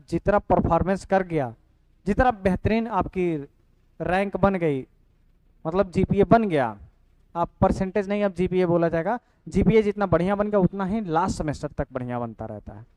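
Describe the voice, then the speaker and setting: High-voiced man teaching. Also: normal speed, darkish tone, dry recording, rough recording. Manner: repeats "ठीक है" and addresses students directly. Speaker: online coaching teacher. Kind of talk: casual explanatory lesson.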